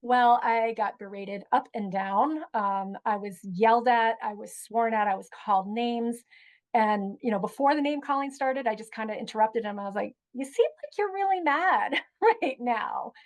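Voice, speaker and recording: A woman educator telling a personal story in a relaxed interview, with frequent ums and you-knows. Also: fairly high pitch, moderate pace, poor audio. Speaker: guest educator. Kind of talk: conversational storytelling.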